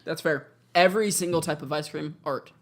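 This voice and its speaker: A man co-hosting a podcast in casual chat, with dry, deadpan humor. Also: a little high, a little fast. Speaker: podcast co-host.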